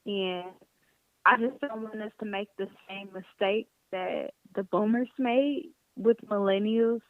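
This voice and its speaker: A woman from Detroit talks candidly and animatedly as a podcast guest. Her voice is pitched in an ordinary middle range and comes through a narrow, tinny, phone-like line. The sound is dry, with no room echo. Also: fairly even intonation, a little slow. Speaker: podcast guest, singer and teacher. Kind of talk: casual chat.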